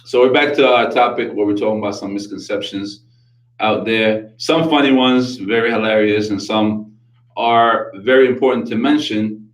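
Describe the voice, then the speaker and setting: Raised in Brooklyn and carrying a New York accent, this man hosts a casual religious radio talk show, earnestly explaining his faith and using many Arabic religious phrases. His voice sits on the low side at a moderate pace, and the low-quality recording is reverberant.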